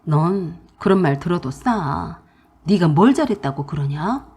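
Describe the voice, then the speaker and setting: Woman doing a curt, low-voiced husband. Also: lively intonation, a little slow, a little mellow, slightly rough, exaggerated voice. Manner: curt, dismissive. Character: blunt, stern middle-aged husband. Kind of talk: radio drama acting.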